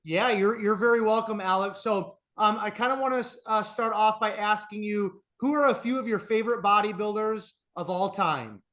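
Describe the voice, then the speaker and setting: A man's voice: sits high, normal speed, hardly any pauses, fairly bright tone. A man hosting a podcast interview, asking questions in a friendly way with many "uh"s and repeated words. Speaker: podcast host.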